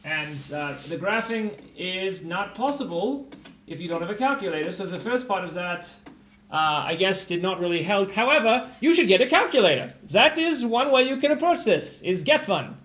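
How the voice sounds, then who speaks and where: A man's voice: high voice, lively intonation, normal speed, a bit bright, a little hiss or hum. Playful man explaining math on a stream. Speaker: tutor and stream host. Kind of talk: live-streamed tutoring lesson.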